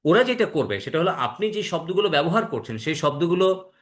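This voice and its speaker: A man from Bangladesh, teaching an online IELTS class. He mixes Bengali with English phrases, asks questions and answers them himself, and draws out his English words slowly and carefully. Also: fairly high pitch, big pitch swings.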